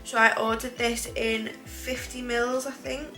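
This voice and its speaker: Bright-voiced British woman, rambling beauty vlogger. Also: a little high, flat delivery, measured pace, soft background music. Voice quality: speech slightly impeded after dental surgery. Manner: rambling, self-correcting. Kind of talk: casual makeup review chat to camera.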